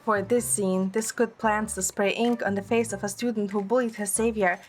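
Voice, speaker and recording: In an audio drama, a woman voices a wry, affectionate young heroine who narrates her own romance through first-person narration and dialogue. Her mid-range voice has a darkish tone and fairly even intonation at a moderate pace, lightly acted over soft background music.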